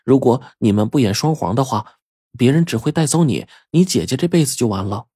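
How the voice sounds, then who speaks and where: A man's voice: mid-range voice, expressive, fairly quick, dark tone, breathy edge, dry recording, clean studio sound, voice pushed up. A man voicing an anxious young woman, the younger sister, pleading.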